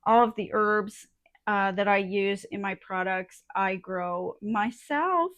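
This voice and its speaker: A woman vlogger chatting casually to her viewers in an informal, halting way, thinking aloud as she goes. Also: mid-range voice, fairly bright tone, no echo. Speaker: vlogger and small soap business owner. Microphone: small add-on phone microphone.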